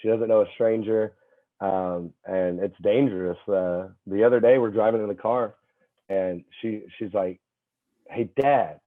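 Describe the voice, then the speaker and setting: A young man, a fitness trainer appearing as a podcast guest, telling stories in an animated way, full of fillers and restarts. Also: fairly low pitch, moderate pace. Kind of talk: casual chat. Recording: tinny phone-like call audio.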